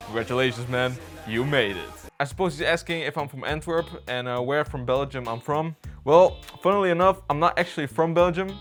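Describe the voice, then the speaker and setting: A man's voice: on the high side, a little fast, hardly any pauses, a bit bright, faint music behind. A man in his twenties from Bolivia answering viewer questions in a casual, unscripted chat from his bedroom, slangy, with lots of "like" and the odd swear word. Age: 20s. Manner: laid-back slangy chat with frequent "like" fillers and swearing.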